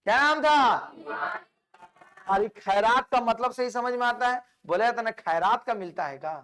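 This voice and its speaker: A man teaches history for exam preparation in a very high, smooth and resonant voice. He keeps repeating key names and firing questions back at his students. English words slip into his all the time. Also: a little slow, fairly bright tone, soft background music. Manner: mixes English words into Hindi. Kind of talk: exam-prep history lecture.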